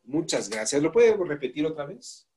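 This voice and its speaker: A man's voice: on the high side, very animated, normal speed, warm tone. Mexican man lecturing a law class. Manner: asks the class questions and coaxes volunteers. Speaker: law course instructor.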